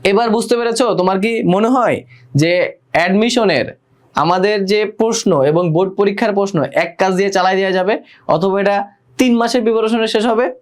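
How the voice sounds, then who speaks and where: A man's voice: high voice, normal speed. A young man teaching a live online admission class, who keeps asking students questions, repeats himself and reads their comments aloud. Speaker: admission test tutor.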